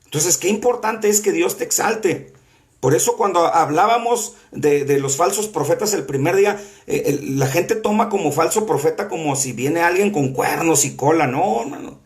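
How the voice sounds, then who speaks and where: A male preacher with a slightly high-pitched voice teaches a Bible class. He talks earnestly and conversationally, weaving scripture quotes in with frequent fillers and false starts. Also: lively intonation, normal speed. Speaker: apostle teaching a prophetic school class. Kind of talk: sermon-style Bible teaching.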